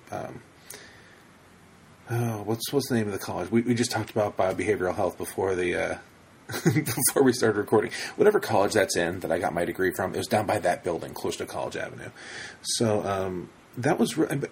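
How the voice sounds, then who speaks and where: A man's voice: sits low, creaky, slight background noise. A man in his thirties hosting a casual podcast interview, rambling through his thoughts with frequent restarts and asides. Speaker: podcast host.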